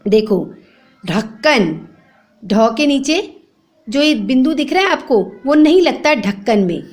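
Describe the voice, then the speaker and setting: A woman teacher giving a grammar lesson to young children, spelling words out slowly letter by letter and asking the class for the right form. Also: sits high. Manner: repeats the wrong form then the right one, quizzing the class. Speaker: primary school teacher.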